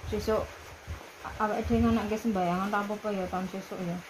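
A woman's voice: mid-range voice, steady tone, a little fast. Javanese woman chatting with mouth full, noisy recording. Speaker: pet vlogger. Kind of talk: casual chat. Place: indoors at home, concrete floor. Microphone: handheld phone camera. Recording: noisy home phone recording.

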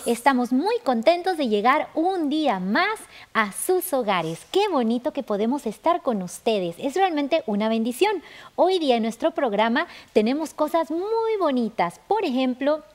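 A woman hosting a children's show, greeting young viewers in a bright, sing-song, exclamatory welcome. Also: sits high, very animated, moderate pace. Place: TV studio children's set.

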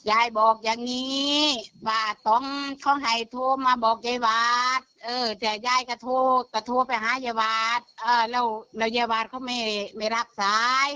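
A woman's voice: on the high side, level tone, normal speed, few pauses, sharp tone, clear, resonant tone, low-quality recording. An older woman chatting bluntly, swearing freely and repeating herself as she tells of a call. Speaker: grandmother telling of a phone scam. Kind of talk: casual phone-style chat.

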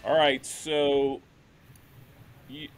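A man's voice: a little high, level tone, very slow, soft background music, rough recording. A middle-aged man hosting an interview over a video call, talking with many ums and restarts into a studio mic with a headset. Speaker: interview host, soccer coach. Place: home room.

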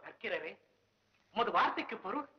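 A man's voice: high voice, very animated, normal speed, husky, heavily acted. A stately king. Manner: formal, stately speech. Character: dignified male king. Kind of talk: 1960s film acting. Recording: dull old film soundtrack.

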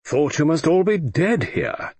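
A man reading an audiobook, voicing a gruff, blustering old retired admiral who speaks in brusque, clipped grumbles. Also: fairly high pitch, sing-song, unhurried, darkish tone, dry recording, voice pushed up, exaggerated voice.

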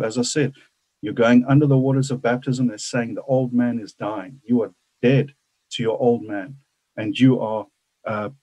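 A man in his forties teaching from the Bible on a video call, earnest and halting with fillers and restarts. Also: mid-range voice, a little mellow, breathy edge, poor audio. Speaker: bible study leader. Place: indoors with a forest virtual background. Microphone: webcam on a video call.

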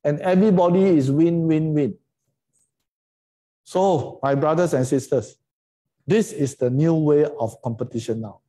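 Singlish-speaking man lecturing, slightly high, mellow voice. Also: measured pace, pauses often, poor audio. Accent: Singaporean, Singlish. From Singapore. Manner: animated, emphatic, rhetorical questions and tag words like 'lah' and 'you know'. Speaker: professor giving a lecture. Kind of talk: informal online lecture in colloquial Singlish. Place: indoors, on a video call.

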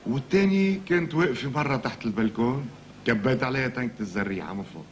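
A man's voice: mid-range voice, animated, fast, natural voice. A Lebanese man acting a brusque psychiatrist who turns out to have no luck with women. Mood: rueful. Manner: impatient, brusque, later sheepish. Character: impatient, luckless male psychiatrist. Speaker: psychiatrist in a comedy series. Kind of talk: comic TV acting. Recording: background noise.

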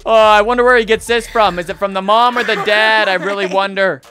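A man's voice: high voice, fairly quick, bright, forceful tone, soft background music. Slangy young man reacting, incredulous. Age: 20s. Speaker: reaction video host. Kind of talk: casual reaction commentary. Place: small indoor home studio. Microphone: close boom-arm microphone.

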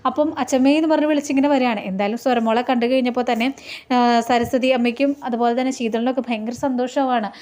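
A woman's voice: fairly high pitch, fairly even intonation, fast, darkish tone. A woman casually retelling a TV serial episode in a chatty storytelling way, often adding friendly tag words.

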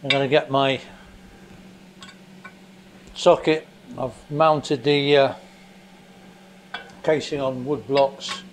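A man's voice: medium pitch, little pitch movement, slow, pauses often. An English man who works on motorcycles, explaining each step as he strips down an engine in his basement workshop. He talks in a plain, methodical way and thinks aloud with small fillers. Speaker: motorcycle mechanic presenter. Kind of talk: hands-on workshop demonstration. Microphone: camera mic above the bench, hands only in frame. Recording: faint extractor fan hum. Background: extractor fan noise.

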